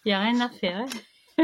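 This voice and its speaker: A woman hosting a crafting tutorial, chatting casually as she works, slightly hoarse and clearing her throat now and then. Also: medium pitch, a little mellow, lo-fi sound, slight background noise. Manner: slow, chatty, talks to herself while working.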